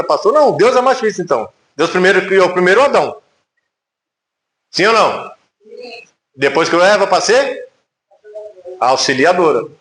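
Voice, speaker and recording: A man's voice: high voice, fairly bright tone. A man with a Brazilian Portuguese accent, a pastor preaching a conversational, emphatic sermon full of rhetorical questions. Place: church sanctuary. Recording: echoey church hall.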